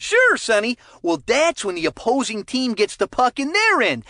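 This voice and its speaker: In a cartoon hockey game, a woman voices an excitable, chummy color commentator who used to play, delivering folksy, chatty lines with mild exclamations. Her voice sits high, recorded clean in the studio with no room sound.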